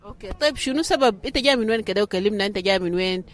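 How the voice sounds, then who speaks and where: A woman's voice: medium pitch, lively intonation, rapid-fire. A woman with a Sudanese Arabic accent hosting a radio program, interviewing in a conversational, probing way in a refugee camp. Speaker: radio host. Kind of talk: field interview.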